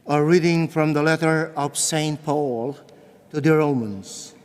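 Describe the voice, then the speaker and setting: A man's voice: on the high side, darkish tone. A man reading scripture aloud as lector at Mass, formal and solemn, in a large echoing church. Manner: measured, formal. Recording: echoing church with long reverb.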